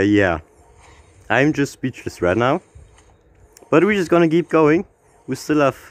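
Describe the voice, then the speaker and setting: A man giving casual, excitable commentary on opening car packs in a racing game, reading out car names and laughing often, a little out of breath. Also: mid-range voice. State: slightly out of breath. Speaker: gaming YouTuber.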